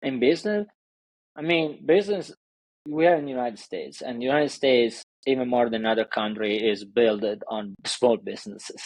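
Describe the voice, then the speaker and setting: A man with an Italian accent, talking as an interview guest and business coach. His English is loose and full of fillers and restarts, at a middling pitch. The recording is close and dry. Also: moderate pace, darkish tone, no echo, low-quality recording. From Italy. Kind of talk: casual interview talk.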